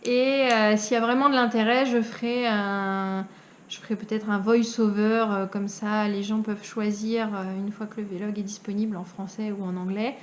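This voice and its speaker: A woman's voice: medium pitch, steady tone, normal speed, slight background noise. A young Frenchwoman from France chatting casually as a knitting vlogger, with many hesitations and frequent laughs. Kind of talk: casual chat.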